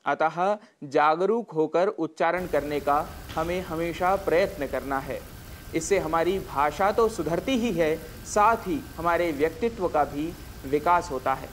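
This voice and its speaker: A Sanskrit teacher giving a scripted broadcast lesson, with careful, deliberate enunciation and a measured, instructive delivery. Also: mid-range voice, a little hiss or hum.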